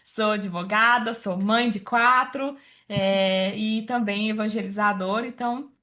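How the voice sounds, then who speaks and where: A woman's voice: mid-range voice, steady tone, unhurried. A woman in her forties from the interior of Goiás, chattily introducing herself on a video call and often adding "né". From interior of Goiás, Brazil. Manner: chatty, warm, religious, many fillers like "né". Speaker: workshop participant.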